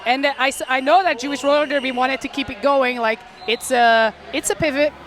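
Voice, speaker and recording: A Belgian roller derby play-by-play commentator, a native Dutch speaker, calls the action live in a high, bright voice with fairly even intonation and a brisk pace. He's chatty and self-deprecating and laughs often.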